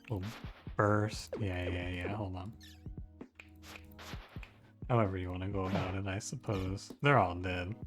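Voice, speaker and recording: A man's voice: deep voice, steady tone, measured pace, long pauses, music in the background. A man giving casual strategy game commentary, thinking aloud in a musing, conversational way and often correcting himself. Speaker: gaming streamer.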